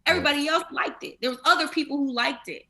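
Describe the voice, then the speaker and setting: A woman who is a former radio personality, talking as an interview guest in a youthful-sounding voice that is hoarse from a cold. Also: high voice, fast talker. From Minnesota. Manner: animated storyteller, acts out quotes. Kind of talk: casual interview conversation.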